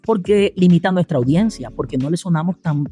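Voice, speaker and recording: A man's voice: high voice, brisk, soft background music. A middle-aged man with a Colombian Caribbean coast accent, a communication coach talking casually on a podcast and acting out example dialogues. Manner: animated, acts out example dialogues.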